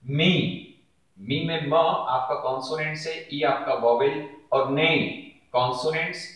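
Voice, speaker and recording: A man teaching a lesson, sounding out words slowly syllable by syllable. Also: a little high, steady tone, fairly bright tone. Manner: slow, drawn-out word pronunciation drills. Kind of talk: classroom-style lesson explanation. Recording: echoey room.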